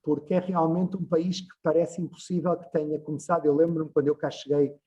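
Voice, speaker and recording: A man's voice: fairly high pitch, flat delivery, brisk, warm tone. A man, giving an online lecture as a journalist, talking discursively with frequent hesitations over a video call. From Portugal.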